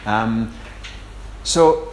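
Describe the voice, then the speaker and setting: Low-voiced male interviewer in an echoey room. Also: a little mellow. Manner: measured, wordy, pausing mid-sentence. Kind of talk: formal interview questioning. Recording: echoey room with faint noise.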